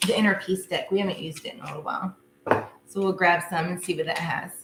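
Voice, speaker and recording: A woman's voice: on the low side, fairly even intonation, fast talker. A woman hosting a live tarot reading, chatting casually with her viewers and laughing often. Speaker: tarot reader. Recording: echoey room with faint noise.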